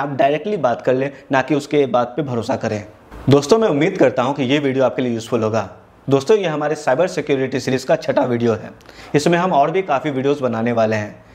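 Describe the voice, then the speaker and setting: A man with an Indian accent and a medium-pitched, darkish voice narrates an educational tech tutorial. He explains things step by step, mixing English terms into his speech.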